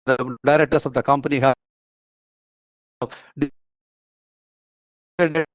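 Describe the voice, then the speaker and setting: A man presenting a formal meeting agenda over a video call whose audio keeps breaking up, speaking haltingly with fillers and restarts. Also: medium pitch, steady tone, no echo. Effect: choppy video-call audio that keeps breaking up. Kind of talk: formal reading of meeting procedure.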